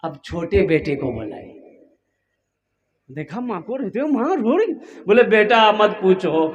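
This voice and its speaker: Man, high voice, Kolkata Hindi-Urdu accent, preacher, storytelling sermon, animated, dramatic pitch swings. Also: measured pace, highs cut off. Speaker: Islamic preacher.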